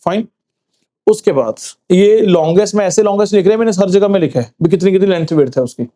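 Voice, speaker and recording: A male teacher quizzing a class for exams, repeating answers and slowing down to read English facts. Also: high voice, dark tone. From Punjab, India. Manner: quizzing, asks then answers with "sir", slows for reading English facts. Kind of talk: classroom exam-prep lecture.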